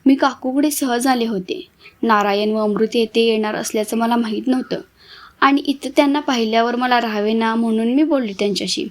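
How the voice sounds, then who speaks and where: A woman's voice: fairly high pitch, steady tone, fairly quick, close to an everyday voice. A woman reading the part of an orphaned young woman who pleads with her brothers through tears. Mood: pleading. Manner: pleading, emotional.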